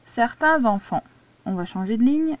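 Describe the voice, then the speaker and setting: A woman's voice: on the high side, expressive, normal speed. A woman teacher giving a dictation lesson to a child, patiently spelling words out syllable by syllable. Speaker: primary school teacher.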